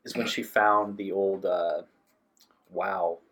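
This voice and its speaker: Husky, low-voiced young man chatting. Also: little pitch movement, slow pace, fairly bright tone. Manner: hesitant, searching for words. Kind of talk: casual group chat.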